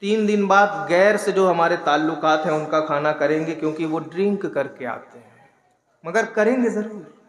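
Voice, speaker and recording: Male preacher, high voice, sermon, quiet talk then shouted exhortation, mocking asides, reverberant hall. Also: normal speed. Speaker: Islamic preacher. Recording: echoey hall with long reverb.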